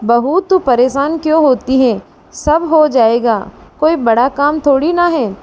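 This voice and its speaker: A woman voicing an affectionate older mother-in-law who coaxes her new daughter-in-law gently. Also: sits high, measured pace.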